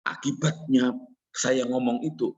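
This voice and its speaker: A middle-aged man preaching a sermon in a lively way, teasing the audience with questions. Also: mid-range voice, measured pace. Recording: dull lo-fi sound.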